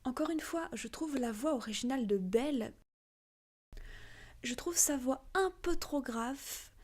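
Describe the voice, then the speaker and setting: A woman's voice: high voice, a little slow, darkish tone. A woman giving frank, chatty opinions in a casual vlog, with many fillers. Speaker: video creator.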